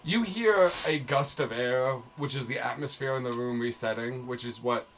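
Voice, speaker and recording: A man game master narrating a sci-fi tabletop game in a mid-pitched voice. He describes scenes at length, with frequent "uh" and "um" pauses. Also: a little hiss or hum.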